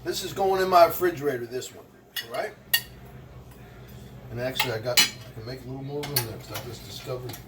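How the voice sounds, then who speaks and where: Cooking in his home kitchen, a vlogger and motivational speaker in his sixties rambles casually to the viewer. His mid-range voice is fairly quick but broken by long pauses, and the far-off mic picks up a lot of noise.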